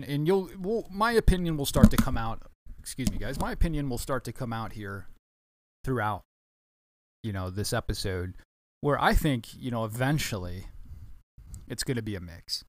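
A man's voice: lowish voice, no room sound. A man hosting a casual solo podcast, talking in a rambling way with many restarts and self-corrections, sounding a bit tired. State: tired, yawning. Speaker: podcast host, former baggage handler.

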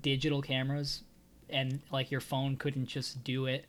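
A man's voice: medium pitch, completely flat delivery, normal speed. A man co-hosting a podcast in casual chat, laid-back and enthusiastic, full of slang. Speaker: podcast co-host.

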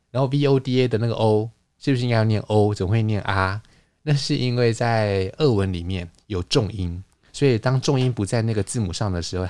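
Male podcast host, lowish voice, patient lecturer, dry close sound. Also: a little mellow, no room sound. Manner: explanatory, lecturing with fillers and restarts. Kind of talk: casual conversational podcast.

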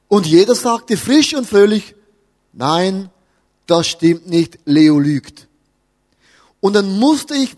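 Preacher, male, high voice, playful storyteller, live in a reverberant hall. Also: darkish tone. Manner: humorous, talks to the audience with questions. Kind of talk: lively sermon with stories. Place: church hall with audience.

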